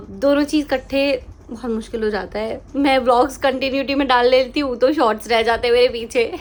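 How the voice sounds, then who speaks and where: A woman's voice: on the high side, a little hiss or hum. A young woman and new mother chatting casually to her viewers in a vlog, switching freely between Hindi and English phrases and telling stories with animation. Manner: animated storytelling. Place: at home.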